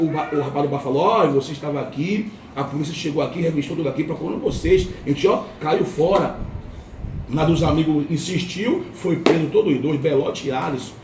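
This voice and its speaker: A high-voiced man with a Brazilian Portuguese accent gives a dramatic testimony at a home worship service, repeating lines and acting out the voices of others. He is heard from a distance in an echoey room, with a faint hiss underneath. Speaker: lay preacher giving testimony. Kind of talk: impassioned church testimony. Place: home worship gathering indoors. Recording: roomy, distant, faint noise.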